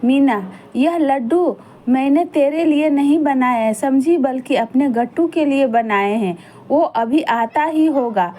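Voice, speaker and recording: A woman's voice: high voice, a little slow, dark tone. A woman voicing a harsh, cruel village stepmother who scolds and sneers at her stepchildren. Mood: scornful.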